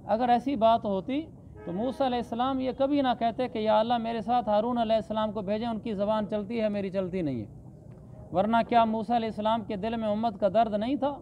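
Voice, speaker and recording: A man teaching Quran recitation, slowly drawing out verses and then explaining the rules plainly. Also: very high-pitched. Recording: dull lo-fi sound with faint background noise.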